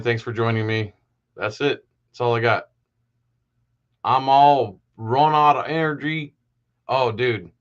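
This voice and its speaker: A man's voice: mid-range voice, a bit bright, highs cut off. A man hosting a live stream, giving heated, sarcastic commentary in a casual way.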